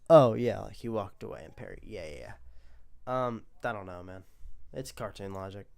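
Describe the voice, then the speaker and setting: A young man casually commenting on his own animations, rambling and excitable. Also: fairly low pitch, normal speed, gravelly. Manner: rambling, excitable, self-praising.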